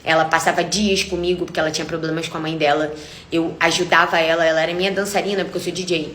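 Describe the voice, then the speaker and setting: A woman's voice: deep voice, little pitch movement, quick pace, a bit bright, slight background noise. A young woman with a Brazilian accent, telling a personal story in a casual vlog, angry and emphatic, often repeating herself. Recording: echoey room.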